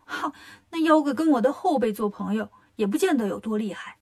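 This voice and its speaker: A woman's voice: a little high, animated, fairly quick, darkish tone. Wukong, a woman doing a cocky monkey king. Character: boastful cheeky young monkey king disciple.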